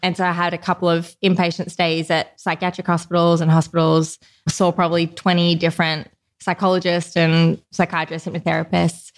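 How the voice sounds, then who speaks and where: In a casual podcast interview, an Australian woman talks candidly about her life, peppering her speech with "like." Her fairly low voice shows little pitch movement and moves a little fast.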